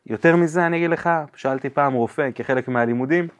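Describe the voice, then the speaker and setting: Animated man explaining body language. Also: mid-range voice, smooth. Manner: explains vividly, acts out examples with sound effects. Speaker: body language expert guest. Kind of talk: podcast interview chat.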